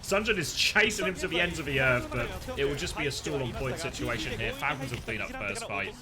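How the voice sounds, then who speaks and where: A man's voice: mid-range voice, fairly quick, crowd noise. A man commentating live on an esports match as a caster, in an informal style.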